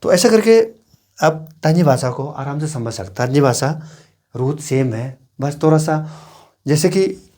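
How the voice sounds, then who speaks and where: A man from Arunachal Pradesh giving an informal lesson, repeating each example word slowly as he explains and points at regions. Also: on the high side, expressive, dark tone. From Arunachal Pradesh, India. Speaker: language teacher.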